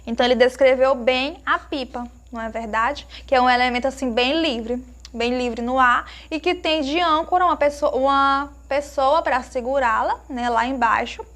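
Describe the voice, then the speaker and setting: A woman teacher giving a lesson to young children, asking them questions and slowly sounding out each word she explains. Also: sits high. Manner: slow emphatic sounding-out of words; warm diminutives, asks pupils questions.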